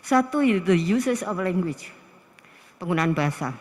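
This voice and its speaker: Woman, middle-aged, Javanese accent, university lecturer, lively lecture, rhetorical questions, long hall reverb. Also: lowish voice, a little slow. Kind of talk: classroom lecture.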